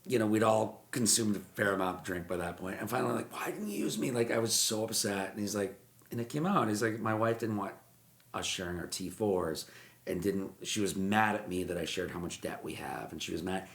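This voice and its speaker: A man, a mortgage broker, telling stories in a podcast interview, animated and repeating words as he acts out what people said. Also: on the low side, fairly quick. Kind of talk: storytelling interview chat. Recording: roomy echo.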